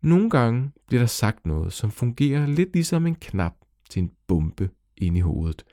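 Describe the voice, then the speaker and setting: A man narrating a children's story in a lively, animated way. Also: dry recording, studio quality. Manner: lively, animated storytelling with sudden pitch jumps.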